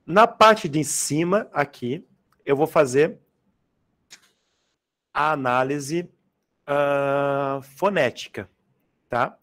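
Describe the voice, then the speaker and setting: A man's voice: a little high, drawn-out words, pauses often, fairly bright tone. A man teaching a live grammar class for exam students, in a casual, slangy way, often asking the class to confirm they follow. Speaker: Portuguese teacher. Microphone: adjustable microphone.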